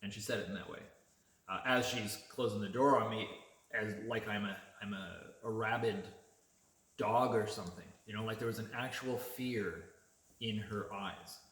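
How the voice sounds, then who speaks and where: Guy rambling through a story, kinda low voice, echoey room. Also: normal speed. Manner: chatty, animated retelling with laughs. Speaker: vlogger. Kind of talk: casual storytelling.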